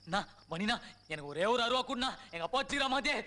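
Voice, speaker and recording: An actor playing a drunk, grieving young gangster who rambles tearfully. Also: male voice, very high-pitched, expressive, fast talker, sharp tone, heavily acted. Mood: drunk weepy. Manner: slurred, tearful rambling, laughing and crying by turns.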